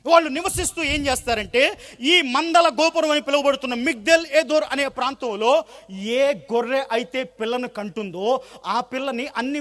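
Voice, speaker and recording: Male pastor, very high bright voice, emphatic sermon, repeats phrases, asks rhetorical questions.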